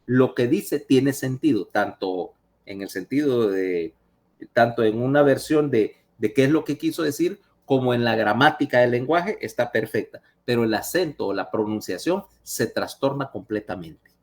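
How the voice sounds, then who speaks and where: Brief: conversational male lecturer with a mid pitch, over a video call link. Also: expressive, moderate pace, darkish tone. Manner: chatty, asks listeners questions. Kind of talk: online lecture with anecdotes.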